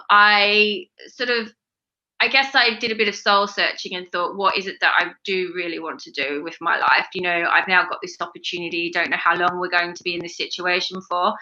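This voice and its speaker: An Australian woman in her forties, founder of a fashion brand, chats casually as an interview guest, rambling with lots of fillers and restarts. Her medium-pitched voice is bright and forceful, though the audio sounds dull.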